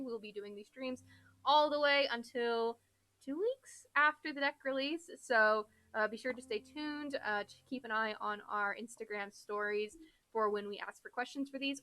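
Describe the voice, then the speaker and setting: A woman's voice: sits high, pushed and bright. A woman hosting a casual live stream from home, chatting playfully and talking to her dog.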